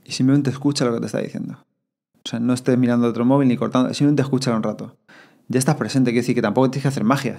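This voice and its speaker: Fast-talking Spanish man, casual podcast guest. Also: mid-range voice. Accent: Spain Spanish. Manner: fast, animated, acts out inner thoughts in quotes.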